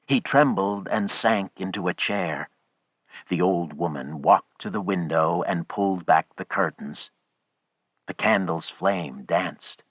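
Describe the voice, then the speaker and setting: Deep, slow horror audiobook narrator. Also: male voice, fairly bright tone, no echo.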